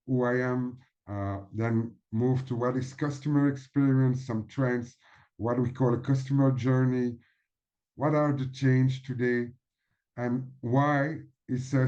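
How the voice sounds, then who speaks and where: A man in his thirties with a French accent, presenting a business webinar and pausing to search for words. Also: medium pitch, dark tone, lo-fi sound. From Belgium.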